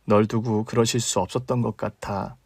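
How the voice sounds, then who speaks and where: A man voicing a caring older sister in a radio drama reading, calm and consoling in a low, quiet tone. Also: moderate pace, slightly rough, no room sound, clean studio sound. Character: young woman, steady caring older sister.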